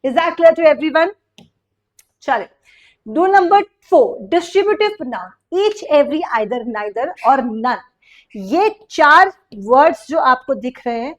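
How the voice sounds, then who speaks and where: High-voiced woman teaching grammar. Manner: explains step by step, slowing down for English example sentences; checks in often with the class. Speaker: English teacher. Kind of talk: exam-prep grammar lesson.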